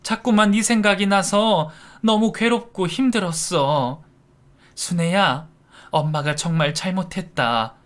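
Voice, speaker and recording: A woman's voice: lowish voice, a little slow, pitched above the performer's own voice, lightly acted. A man voicing a middle-aged mother who tearfully begs her abandoned daughter's forgiveness in a storybook narration. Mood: tearful pleading. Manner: tearful, pleading. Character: sobbing middle-aged birth mother, remorseful.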